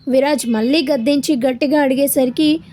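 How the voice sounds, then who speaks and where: A woman's voice: high voice, fairly even intonation, brisk, mellow. A woman narrating a serialized story, voicing every character's dialogue herself. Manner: reads all characters in her own voice.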